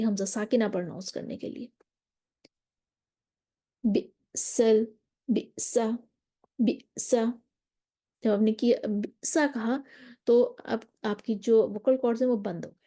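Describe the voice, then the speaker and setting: In an online lesson, a woman teaches Quran recitation, going patiently step by step over a diagram and mixing in English terms. Her voice is a little high and warm, and she talks a little fast.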